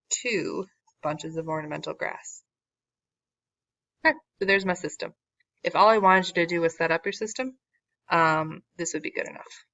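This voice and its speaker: A woman math teacher with a lowish, slightly bright voice explains a word problem in a recorded class, tossing in wry, self-deprecating asides while she loses her voice. There's no echo, and the lo-fi sound is dull and dry.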